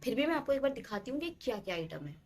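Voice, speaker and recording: A young woman with a somewhat high voice gone hoarse from a sore throat chats casually to her camera. She sounds tired, rambles about her day at home and mixes English words into her everyday talk. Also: sing-song, very fast, darkish tone. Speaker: mom vlogger. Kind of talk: casual vlog chat to camera.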